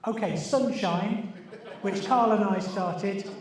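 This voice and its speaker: A sixty-year-old man with a British accent, chatting informally as a party quizmaster, halting and rambling as he calls out to guests. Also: high-pitched, a little mellow. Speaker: birthday party quizmaster and host. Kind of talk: informal party quiz chat to a group. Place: echoey room at a live party. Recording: very echoey room, distant microphone.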